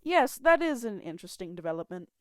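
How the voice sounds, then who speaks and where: A woman voicing a prim female supercomputer with a slight British accent, calm, scolding and unbothered. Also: mid-range voice, a little fast, no echo, clean studio sound, natural voice. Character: prim female supercomputer, a floating pair of lips.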